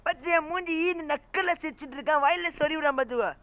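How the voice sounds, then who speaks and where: A man giving comic gameplay commentary as a gaming YouTuber, excitable and mocking, full of exclamations. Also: very high-pitched, fast talker, dull audio.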